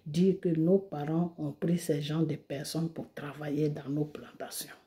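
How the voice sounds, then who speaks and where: In a low, dark voice with fairly even intonation, a woman from Côte d'Ivoire takes her time. She's a video creator ranting indignantly to the camera and pressing rhetorical questions, captured on a phone or camera microphone.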